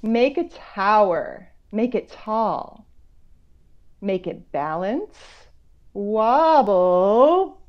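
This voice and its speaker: Over dull, lo-fi online call audio, a woman author reads her picture book to children. Her medium-pitched, expressive voice shifts between slow, measured reading and conversational asides explaining things.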